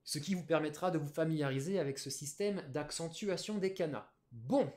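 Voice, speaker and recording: Patient teacher, slightly high voice. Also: male voice, normal speed, a little mellow. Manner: explanatory, patient, many fillers. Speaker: Japanese language teacher. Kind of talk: live-streamed lesson.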